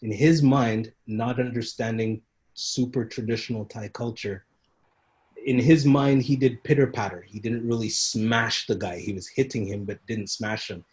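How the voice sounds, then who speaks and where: A man's voice: mid-range voice, normal speed. A man, a Muay Thai instructor, telling stories in a casual podcast interview and acting out the people he quotes. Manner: animated storyteller who acts out quoted people and laughs often.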